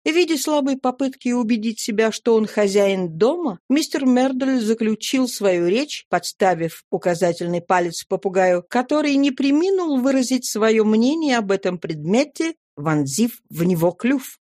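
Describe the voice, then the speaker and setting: A woman's voice: on the high side, animated, moderate pace, few pauses, a little mellow, no room sound, clean studio sound. Woman narrating a classic novel. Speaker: audiobook narrator. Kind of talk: scripted narration.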